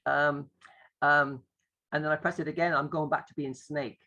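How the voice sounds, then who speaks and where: A man's voice: a little high, fairly even intonation, normal speed, bright, forceful tone, low-quality recording. A man who teaches drama, explaining a classroom exercise in a conversational, playful way and often acting out what the teacher says. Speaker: drama educator.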